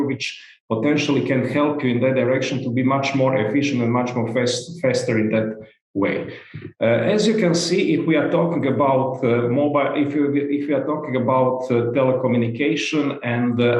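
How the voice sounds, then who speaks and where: A man from Croatia with a Croatian accent, English not his first language, giving a conference presentation in a halting way with many fillers. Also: mid-range voice, a little mellow, roomy sound, rough recording. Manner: halting, non-native phrasing with many fillers. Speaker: data analytics director. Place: virtual event recording.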